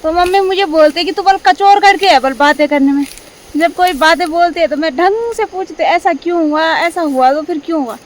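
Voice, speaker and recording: Young woman, high voice, chatty vlog narration, phone mic, outdoors in fields. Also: fairly quick, a little hiss or hum. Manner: chatty, explaining to viewers while cutting grass. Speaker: vlogger. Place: outdoors in hill farm fields.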